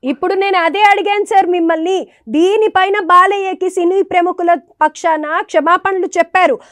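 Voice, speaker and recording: A woman interviewing a guest, pressing with measured follow-up questions. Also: very high voice, steady tone, a bit bright, no echo. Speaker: interviewer, news anchor. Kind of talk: probing news interview.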